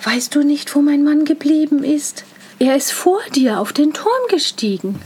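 A woman voicing a frantic, shrill sexton's wife in a fairy tale reading. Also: lively intonation, a little slow, darkish tone. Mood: anxious. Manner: shrill, agitated.

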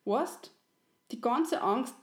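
A woman's voice: on the high side, expressive, very slow, voice pushed up. A woman voicing a kindly, wise creator woman, soothing and folksy. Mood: gentle. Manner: soothing, folksy, fond of dialect fillers. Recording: roomy echo.

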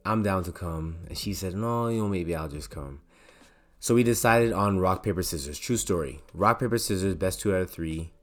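A young man from Canada tells a personal story on his podcast, speaking in a deep, low voice. He tells it with energy and acts out the people he quotes. Faint music plays behind him. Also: moderate pace. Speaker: podcast host.

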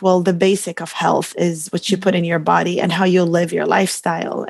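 A woman in her late thirties, from Iraq, speaking as a podcast guest, reflective and unhurried, with fillers. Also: lowish voice, no room sound. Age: 30s. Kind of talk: casual interview talk.

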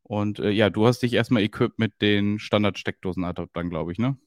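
A man co-hosting a podcast in relaxed, knowledgeable casual chat with a slangy turn of phrase. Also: on the low side, a little fast, dry recording, clean studio sound. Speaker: podcast co-host.

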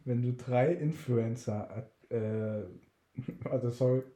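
A man's voice: medium pitch, steady tone, slow pace, mellow. A young man co-hosting a podcast in casual chat, laid-back and slangy. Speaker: podcast co-host. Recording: echoey room with faint noise.

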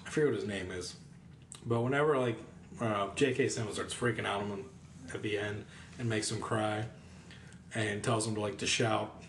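A man's voice: lowish voice, steady tone, normal speed, pauses often, slight background noise. Rambling jokey podcast guy in an echoey room. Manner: rambling, jokey, trails off with fillers. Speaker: podcast co-host. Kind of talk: casual chat.

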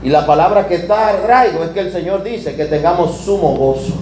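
A man preaching a sermon, telling stories with emphatic, drawn-out key words and shifting pace. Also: sits high, darkish tone. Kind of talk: sermon with storytelling. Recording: echoey room with air conditioning hum.

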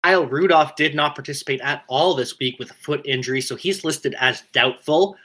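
A man co-hosting a fantasy football show, running through player news with quick, upbeat asides. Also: sharp tone. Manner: upbeat, quick asides, jumps up in pitch on names. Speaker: fantasy football podcast co-host. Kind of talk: casual sports news rundown.

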